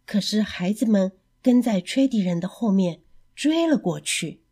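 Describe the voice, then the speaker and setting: A woman narrating a children's story in an expressive, animated way. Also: medium pitch, unhurried, husky.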